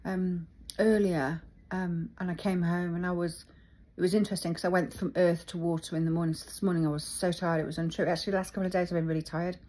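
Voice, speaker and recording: A middle-aged woman talking reflectively about her feelings, thoughtful and halting as she searches for words. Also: fairly low pitch, level tone, mellow. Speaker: vlogger. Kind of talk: reflective personal talk.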